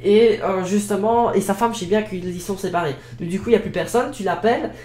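High-voiced Belgian man, echoey room. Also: quick pace, darkish tone. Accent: Belgian French. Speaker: role-play gamer. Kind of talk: casual improvised role-play dialogue.

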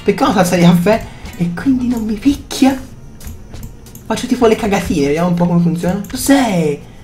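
Excitable Italian-speaking gaming guy. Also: sits high, fairly quick, faint music behind. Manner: excitable, reactive, swears casually, talks to viewers. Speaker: gaming YouTuber. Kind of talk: gameplay commentary.

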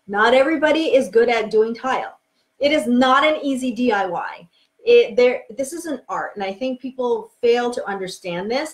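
A woman in her forties teaching home renovation planning in a frank, chatty live video from her home office, using a webcam. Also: fairly high pitch. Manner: frank, chatty, emphatic, with frequent ums.

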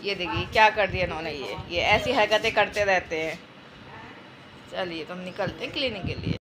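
A woman's voice: lowish voice, brisk, over loud music. A woman in her thirties chatting through her day in a casual home vlog, filmed on a phone held at arm's length. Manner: chatty, homely narration of daily chores. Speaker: family vlogger. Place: small home rooms and street, indoors and out.

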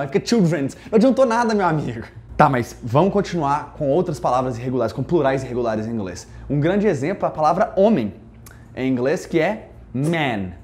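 A man's voice: fairly high pitch, a little mellow. A young man from Brazil teaching English in a casual online lesson, jokey and playful, with lots of asides.

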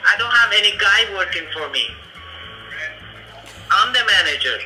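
A woman's voice: mid-range voice, lively intonation, normal speed, pushed and bright, soft background music, rough recording. A woman working as a shop manager, talking bluntly and insistently over a speakerphone call. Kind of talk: customer-service phone talk. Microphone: telephone call played on speakerphone.

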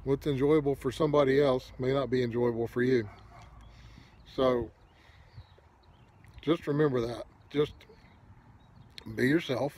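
A man's voice: medium pitch, fairly even intonation, unhurried, pauses often, darkish tone. An older man talking casually with a pipe in his mouth, giving easygoing, rambling advice as the host of an unedited video. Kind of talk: casual unedited monologue to camera.

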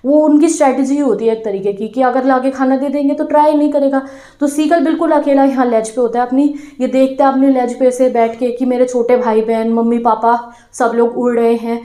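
A woman teacher retelling a story to her students in a lively way, asking them questions as she goes. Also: high-pitched, brisk, echoey room. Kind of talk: storytelling lesson explanation.

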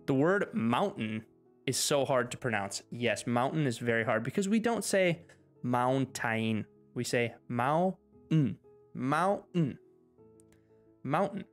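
Bilingual male teacher, faint music. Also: a little high. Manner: switches between Spanish and English, reads questions aloud. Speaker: language teacher answering live chat questions. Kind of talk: live stream lesson.

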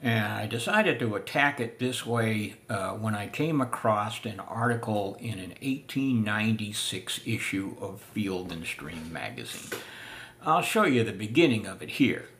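An older man giving a casual spoken history lesson, unhurried with many filler pauses, seated in a room full of antiques. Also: lowish voice, animated, fairly bright tone. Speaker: living history presenter.

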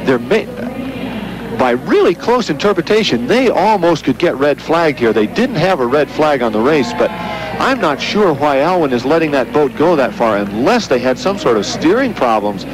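A man's voice: a little high, very animated, normal speed, background noise. A man commenting on a kayak race as an expert, explaining strokes and tactics. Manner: analytical, predictive. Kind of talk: sports commentary.

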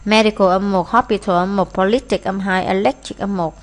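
A woman's voice: medium pitch, steady tone, normal speed. Woman walking through exam answers. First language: Vietnamese. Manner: explains in Vietnamese, reads English phrases aloud; hesitant, frequent fillers. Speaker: English teacher.

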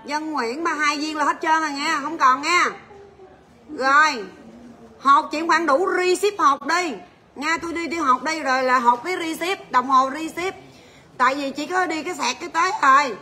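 High bright-voiced woman selling on livestream. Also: normal speed, slight background noise. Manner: chatty, joking, rattles off prices and buyer names. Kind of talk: livestream sales chat.

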